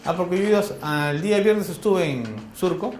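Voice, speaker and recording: A man with a Peruvian accent giving a classroom lecture, firing quick questions at his students in a colloquial way. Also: sits high, a little hiss or hum. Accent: Peruvian Spanish. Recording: echoey classroom.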